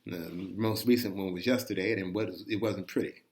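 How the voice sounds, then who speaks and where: In a low-pitched voice, a man narrates a first-person chronicle as a dramatic storyteller, keeping it conversational and expressive while leaning on his phrasing with deliberate emphasis.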